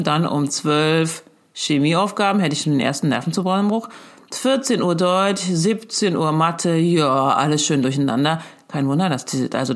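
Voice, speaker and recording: A mother in her thirties telling a comic voice-message story, colloquial and chatty, mock-lecturing and switching into acted-out dialogue. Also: low voice. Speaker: mother of a schoolchild.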